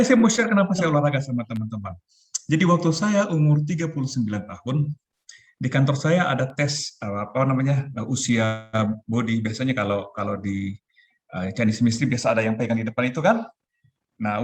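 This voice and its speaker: A man in his forties giving a relaxed, chatty youth talk over a video call, laughing often. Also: mid-range voice. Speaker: youth ministry speaker.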